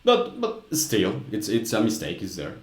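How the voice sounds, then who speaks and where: A man's voice: on the low side, wildly swooping pitch, a little slow. Man musing in a roomy space. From Mexico. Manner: musing, hesitant, repeats words. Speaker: YouTube host. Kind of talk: casual commentary. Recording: roomy echo.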